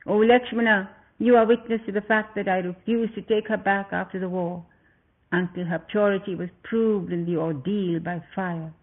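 A man's voice: sits high, steady tone, moderate pace. A man voicing a grieving male king who speaks in a stern, drained, commanding way in a told story. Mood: grave. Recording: tinny phone-like sound.

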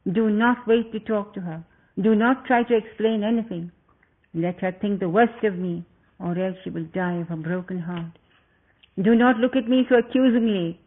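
A man voicing a grieving male king who speaks in a stern, drained, commanding way in a told story. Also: sits high. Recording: tinny phone-like sound.

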